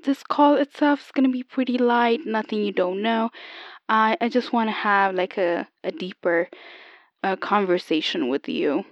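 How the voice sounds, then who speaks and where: A woman playing a calm AI over an old telephone. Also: mid-range voice, dry recording. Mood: calm explaining. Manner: patient, explaining, slightly halting. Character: calm AI copy of an older woman. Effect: voice over an old telephone line. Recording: dull lo-fi phone sound, dry.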